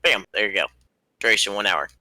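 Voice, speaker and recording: A man's voice: lowish voice, fairly quick, sharp tone, no echo, rough recording. A man playing a tabletop game, jokey and punchy in casual table talk. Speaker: player.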